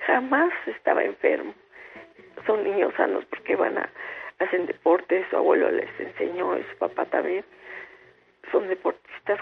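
An older woman with a gravelly voice, calling in to tell a long, devout family story. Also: on the low side. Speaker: radio caller. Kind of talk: tearful personal testimony. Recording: tinny phone line with faint hiss.

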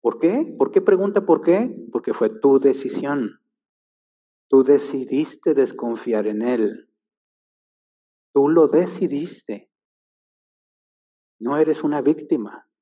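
A man's voice: medium pitch, animated, slow pace, pauses often. A man preaching a sermon, emphatic and full of rhetorical questions. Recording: long-reverb hall, dull lo-fi sound.

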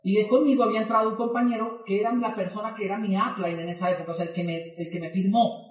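With a high, quick voice, a motivational speaker narrates a story for his audience and animatedly performs the lines of dialogue. The sound is lo-fi, captured from a distance in an echoing hall.

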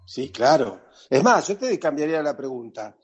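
A man from Argentina with an Argentine accent, a guest author chatting in a lively, conversational way. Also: fairly high pitch, moderate pace, breathy edge. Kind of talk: casual chat.

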